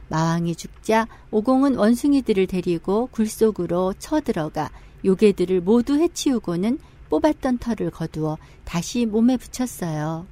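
A woman's voice: medium pitch, dark tone. A woman storyteller reading a scripted children's tale as narrator.

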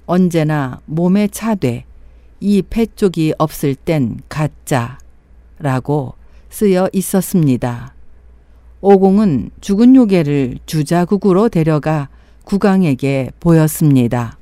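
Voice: medium pitch, animated, slow, dark tone, dry recording. A narrator telling a scripted folk tale for an audio drama.

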